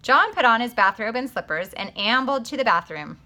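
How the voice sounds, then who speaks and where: Teacher lady reading a kids book aloud, super expressive, bright voice. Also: fairly high pitch, brisk. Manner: expressive, animated.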